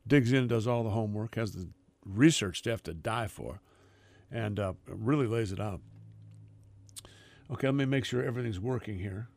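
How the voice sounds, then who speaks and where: A man's voice: fairly low pitch, moderate pace, pauses often, a little mellow, dry recording. A man hosting a radio music show in casual, rambling chat, freewheeling and emphatic in his enthusiasm.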